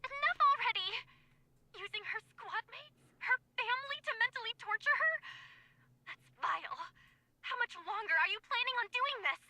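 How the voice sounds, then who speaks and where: A woman playing an indignant, protective little companion in a video game, scolding forcefully. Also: extremely high pitch, expressive, normal speed, full character voice. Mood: outraged.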